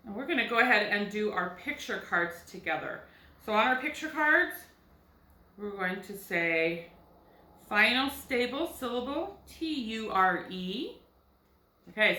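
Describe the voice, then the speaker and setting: A woman's voice: medium pitch, pushed and bright, recorded from a distance. A woman with an American accent, a first grade teacher giving a recorded phonics lesson. She explains patiently and asks questions that she answers herself. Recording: echoey room, voice set back from the mic.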